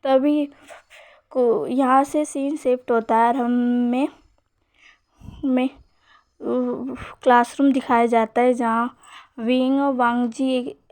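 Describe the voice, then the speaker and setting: Lady narrating a fanfic story, fairly high voice, quick, lots of restarts. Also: fairly even intonation, a little mellow, no echo. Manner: quick retelling, frequent restarts. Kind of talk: casual story retelling.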